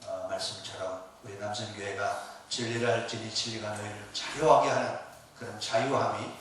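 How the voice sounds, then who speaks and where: A man's voice: fairly low pitch, steady tone, moderate pace, a bit bright, slight background noise. A middle-aged male pastor preaching a sermon in a church, telling a story and asking the congregation rhetorical questions. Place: church sanctuary. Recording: echoey church from far off.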